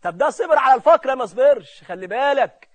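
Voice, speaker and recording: A man with an Egyptian accent preaching a colloquial sermon, swinging between loud emphasis and hushed, near-whispered lines. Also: very high-pitched, animated, quick pace. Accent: Egyptian Arabic.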